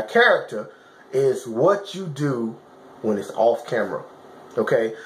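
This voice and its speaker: A man giving casual motivational fitness advice to camera in colloquial, informal phrasing, emphatic and repetitive, often checking that listeners understand. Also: mid-range voice. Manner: emphatic, repetitive coaching with frequent check-in questions. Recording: roomy, echoing sound.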